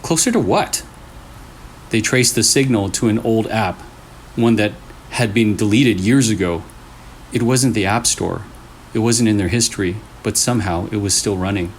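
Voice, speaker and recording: The host, a man with a lowish voice, reads frightening stories at a moderate pace, using short phrases to build suspense. He tosses in casual remarks between stories, and there's a little hiss or hum in the audio.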